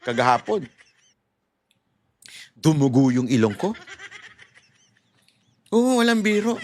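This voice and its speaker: Loud, high-voiced middle-aged man from Manila. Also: no room sound, clean studio sound. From Manila, Philippines. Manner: animated and chatty, laughs at his own asides. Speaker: political commentary vlogger. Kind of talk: casual political commentary.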